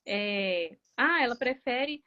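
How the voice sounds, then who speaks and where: A woman host with a Brazilian Portuguese accent talks in a fairly high voice, chatty and full of hesitant restarts. Her audio comes through a dull, lo-fi video call. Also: lively intonation, slow pace, sharp tone. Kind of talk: casual live interview.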